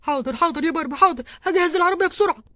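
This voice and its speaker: A woman with an Egyptian Arabic accent voicing a kindly older grandfather who calms and gently chides. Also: high-pitched, racing, no room sound, lightly acted. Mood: hurried. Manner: calming and gently chiding.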